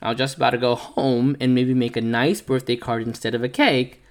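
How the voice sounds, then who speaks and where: A man reading a picture book aloud to his child, telling it playfully in a wolf narrator's voice and pausing to chat with the child. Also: mid-range voice, flat delivery. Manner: playful storyteller voicing the wolf narrator, chatting with his child between pages.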